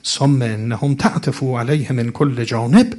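A male preacher telling a religious story in a sermon, slowly reciting Arabic passages and then retelling them with dramatic swells. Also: mid-range voice, a little mellow.

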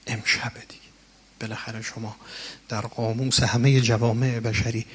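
A man preaching a mourning sermon who recites Arabic passages. He moves between hushed, near-whispered narration and loud, impassioned lament. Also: medium pitch, slightly rough.

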